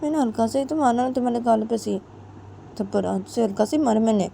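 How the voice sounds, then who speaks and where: A woman's voice: on the high side, fast, gravelly, mellow, slight background noise, voice pushed up. A woman voicing a stern middle-aged mother-in-law who scolds and repeats her commands. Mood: coaxing. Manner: bossy, repeats threats and commands.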